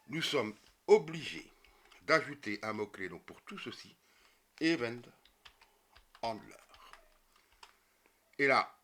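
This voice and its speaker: In this screen-recorded coding tutorial, a programming teacher explains things step by step, using many fillers and correcting himself often. He has a fairly low pitch and a sharp tone.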